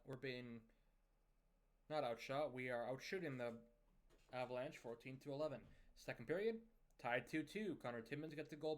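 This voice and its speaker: Man calmly recapping hockey game scores. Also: mid-range voice. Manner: steady, conversational recap of scores and lineup moves. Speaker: video game commentator. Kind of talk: casual play-by-play commentary over a hockey management game.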